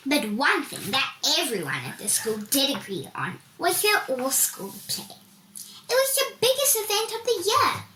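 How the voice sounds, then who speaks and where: A volunteer story reader with a high voice reads a children's storybook aloud, deliberate and expressive, with emphatic swoops. The recording is in an echoey room with background hiss.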